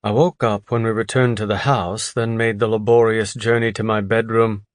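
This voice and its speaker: A man narrating an audiobook in a steady, even first-person storytelling voice. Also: fairly low pitch, moderate pace, no room sound, clean studio sound. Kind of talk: scripted narration.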